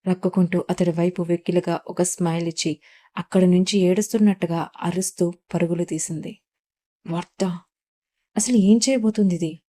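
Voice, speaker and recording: A woman storyteller reading an audio drama in a steady, even way. Her voice sits low and sounds dark and mellow. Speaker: narrator. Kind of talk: storytelling narration.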